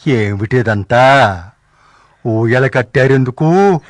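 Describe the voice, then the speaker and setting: An actor playing a stern, commanding old male saint who speaks slowly and breaks into angry shouts. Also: no room sound. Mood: calm, commanding. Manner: slow, lively pitch, bursts into angry shouts. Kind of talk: devotional drama dialogue.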